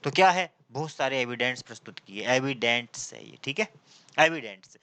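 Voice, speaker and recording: A man teaching an exam-prep class, lively and questioning, who keeps asking his students questions and answers them himself, reading English examples slowly. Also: medium pitch, clear, resonant tone. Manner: mixes casual slang with slow, drawn-out English example sentences. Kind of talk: classroom lecture.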